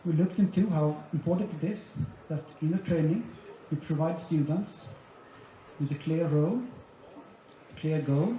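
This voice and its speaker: Male conference speaker with a warm, dark tone. Methodical delivery, recorded far off in a large hall with faint room noise. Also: fairly high pitch, moderate pace. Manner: methodical, summarizing point by point. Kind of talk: conference presentation. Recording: echoey hall, dull sound, faint ambience.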